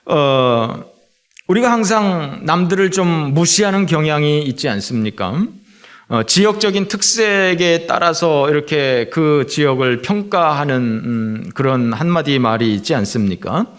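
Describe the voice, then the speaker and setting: A middle-aged man from Seoul preaching a Sunday sermon as pastor in a church, pausing often with filler sounds. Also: on the high side, lively intonation, a bit bright. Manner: frequent filler sounds and drawn-out hesitations. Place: church sanctuary.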